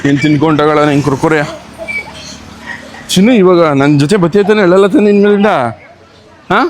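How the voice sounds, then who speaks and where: A man's voice: a little high, a little fast, slight background noise. A young man with a Kannada accent, chatting casually in a vlog, teasing and coaxing a crying little girl. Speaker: vlogger. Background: crowd chatter.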